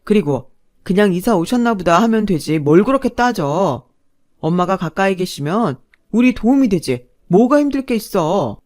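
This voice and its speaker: A woman's voice: medium pitch, expressive, normal speed, darkish tone, natural voice. An irritated young husband, as a woman narrator puts him on, blunt and sarcastic. He talks back in a spoken family drama. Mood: defensive.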